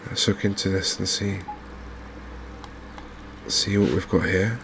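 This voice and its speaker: Faint noise sits behind a man whose low, gravelly voice stays soft as he streams a game in ASMR style. He talks slowly and evenly, murmuring to himself as if working through his thoughts aloud.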